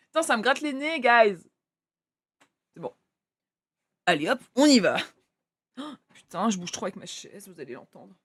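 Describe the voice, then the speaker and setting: A woman's voice: on the high side, big pitch swings, normal speed, pauses often, husky. A young woman streaming live, chatting casually with her viewers and swearing offhandedly.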